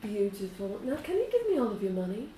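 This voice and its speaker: A woman playing a seductive, grasping adventurer in a tabletop game, gushing with flirtatious flattery. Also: mid-range voice, quick pace, lightly acted. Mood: scheming. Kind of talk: tabletop role-play in character. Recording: echoey, distant, very noisy room.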